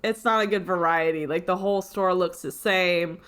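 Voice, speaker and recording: Woman in her 30s, podcast cohost, animated casual chatter, says like a lot. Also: on the low side, normal speed, clean tone. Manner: animated, talky, lots of "like". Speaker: podcast co-host. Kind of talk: casual chat.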